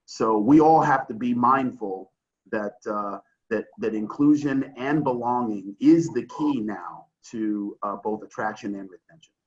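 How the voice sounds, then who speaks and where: A man's voice: mid-range voice, unhurried. Man on a muffled video call. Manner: earnest, reflective, with many fillers and restarts. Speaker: panelist. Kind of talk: webinar panel talk. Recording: dull lo-fi video call audio.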